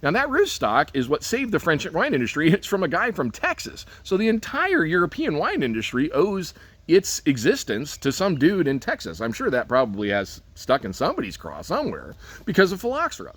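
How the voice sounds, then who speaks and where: A man's voice: fairly high pitch, wildly swooping pitch, fairly quick, a bit bright, husky, no echo. A man winemaker ranting casually to camera, full of sarcastic rhetorical questions and folksy asides. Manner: folksy, swears lightly, laughs at own jokes. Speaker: winemaker giving a rant. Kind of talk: casual spoken rant to camera.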